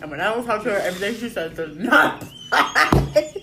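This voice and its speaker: A woman's voice: mid-range voice, big pitch swings, a little fast. A woman chatting casually with a friend in a playful way, laughing and swearing. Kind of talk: casual chat. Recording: noisy background.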